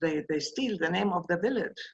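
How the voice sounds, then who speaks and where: A woman's voice: fairly low pitch, animated, a little fast, highs cut off. An older woman from Palestine, speaking as an interview guest in an emphatic, impassioned way. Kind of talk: interview conversation.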